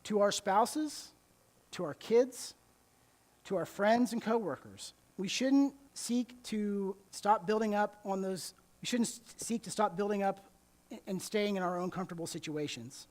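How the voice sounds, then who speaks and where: An unhurried, slightly mellow, high-pitched male voice carries this conversational sermon-style talk at church. The American speaker frequently repeats words while restarting and asks "okay?" or "right?" to check in with his audience.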